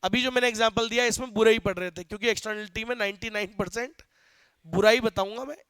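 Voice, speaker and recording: A young male teacher lecturing a class in an animated, joking way, often quizzing students, with phrases. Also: sits high, quick pace, clear, resonant tone, dry recording. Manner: animated, asks students questions, jokes.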